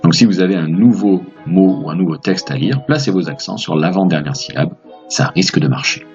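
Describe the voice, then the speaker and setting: A man's voice: low-pitched, animated, fairly quick, darkish tone, dull audio, faint music behind. A man hosting a language lesson, explaining grammar to viewers in an upbeat, patient way with playful asides. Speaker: language teacher, host.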